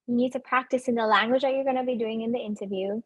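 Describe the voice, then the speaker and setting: Husky-voiced woman coaching an online webinar. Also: fairly high pitch, quick pace. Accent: non-native English accent. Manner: animated, laughs often, speaks directly to listeners. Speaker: webinar speaker on residency interviews.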